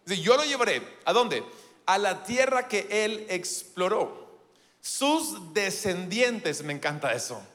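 A man preaching a sermon in an animated, playful way, with self-deprecating humor. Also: sits high, unhurried, long reverb tail.

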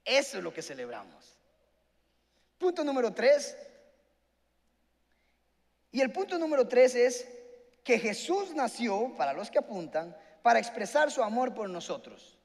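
High-voiced preacher in a hall. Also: male voice, very animated, measured pace, pauses often. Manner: preaching, asks the congregation questions. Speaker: pastor. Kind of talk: sermon. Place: church hall. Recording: long hall reverb with faint music.

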